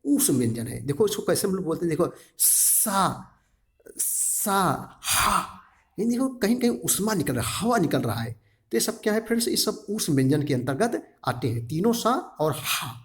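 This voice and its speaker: A man's voice: a little high, big pitch swings, a little fast. A male teacher giving an exam-prep grammar lesson, sounding out syllables one by one and repeatedly asking the class a question before answering it himself. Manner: drills syllables aloud, asks and answers his own questions; repeats a quiz-style question to the class again and again.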